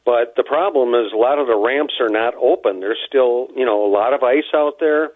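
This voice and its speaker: A man's voice: mid-range voice, moderate pace, no echo. A man joining a radio show as the outdoors guest, a little winded and rambling with lots of fillers. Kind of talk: casual radio chat. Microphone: phone line. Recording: tinny phone line, dry.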